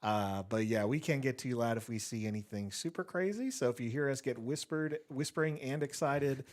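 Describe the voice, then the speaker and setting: A man with a mid-range voice commentates a card game tournament. He explains the plays in a relaxed, upbeat way. He is recorded in an empty gaming room. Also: mid-range voice, normal speed.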